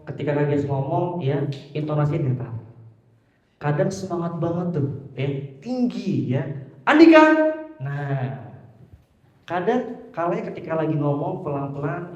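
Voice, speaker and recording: A man's voice: a little high, warm tone. A young man teaching public speaking to a class, playful and teasing as he quizzes his students. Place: large echoey room with an audience. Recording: echoey hall, muffled sound.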